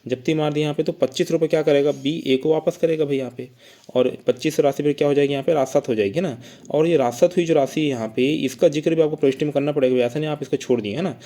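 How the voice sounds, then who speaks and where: A man teaching an accounting lesson at a quick clip. His voice is mellow and dark. He keeps asking the class questions, answers them himself, and adds a tag question to nearly every point. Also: a little high.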